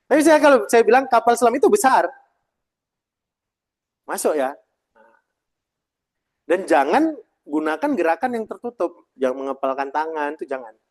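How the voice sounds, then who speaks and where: A man with a fairly high voice teaches a live presentation-skills workshop. He talks in a lively, emphatic way and keeps asking the audience whether things are clear. He is speaking in a meeting room to a live audience. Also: normal speed, long pauses. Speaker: presentation trainer.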